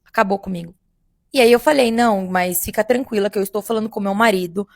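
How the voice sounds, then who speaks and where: Brief: young woman, makeup artist, gravelly, dry close mic, casual animated storytelling. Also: medium pitch, fast talker, no echo. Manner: animated, addresses listeners as "gente". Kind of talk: casual first-person storytelling.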